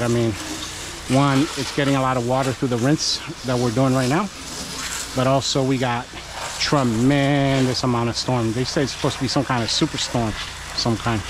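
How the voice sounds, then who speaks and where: A man's voice: medium pitch, fairly even intonation, fairly quick. A man hosting a work vlog, chatting and coaching viewers while he washes a house outdoors. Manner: chatty, encouraging, talks to viewers while working. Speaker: pressure washing business owner and channel host. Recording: noisy outdoor recording.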